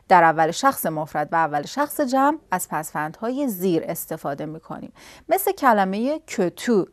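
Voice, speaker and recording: A woman's voice: medium pitch, no room sound, studio quality. A woman teaching a grammar lesson, explaining step by step and answering her own questions. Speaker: language teacher.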